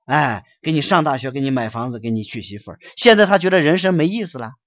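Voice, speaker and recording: A man lectures in a preachy, scolding way, firing off rhetorical questions and often letting his phrases fade away quietly. His voice sits in a middle range. The recording is dull and lo-fi, with a dry, close sound. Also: a little high, lively intonation, fast, no echo. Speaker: online lecture teacher answering questions. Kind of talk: lecturing and answering listener questions.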